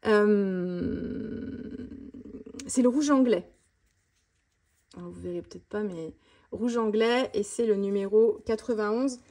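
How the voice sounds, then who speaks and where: A woman vlogger chatting fast and casually about her art supplies, with many fillers and restarts. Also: medium pitch, dark tone. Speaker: mixed-media art vlogger. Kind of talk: casual tutorial chat showing art supplies.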